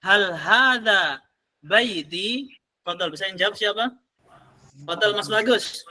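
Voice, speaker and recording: Bright-voiced teacher. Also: male voice, high voice, measured pace. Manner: asks the class questions and praises answers. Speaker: Arabic teacher. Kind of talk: online class teaching.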